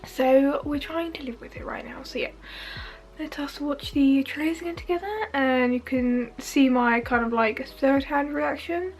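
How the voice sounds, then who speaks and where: A young woman, sniffly from allergies, gushing and rambling excitedly in a casual vlog at home. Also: sits high, faint music behind, low-quality recording. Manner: gushing, giggly, fast and rambling with many fillers. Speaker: YouTuber reacting to a game trailer. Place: home front room.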